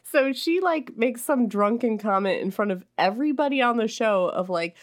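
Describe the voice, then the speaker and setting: A woman's voice: fairly high pitch, animated, normal speed. A woman co-hosting a casual book discussion, laughing often and acting out the characters' lines. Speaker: podcast co-host.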